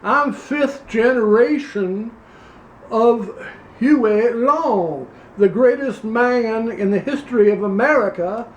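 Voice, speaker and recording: In an improvised comedy sketch, a high-voiced male performer plays a blustering Louisiana politician running for governor. He's pompous, folksy and rambling, and the recording has a roomy echo.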